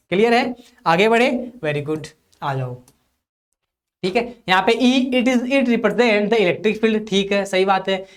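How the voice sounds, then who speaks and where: A man from India teaching a physics class for an exam. He asks questions and answers them himself, keeps checking whether it is clear, and reads definitions out slowly. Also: high voice. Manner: reads English definitions slowly, explains in Hindi. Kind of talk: classroom lecture for exam prep.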